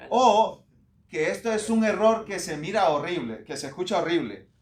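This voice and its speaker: A middle-aged man from Honduras, a pastor giving a lively, joking teaching talk to church readers and acting out pronunciations. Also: high-pitched, normal speed.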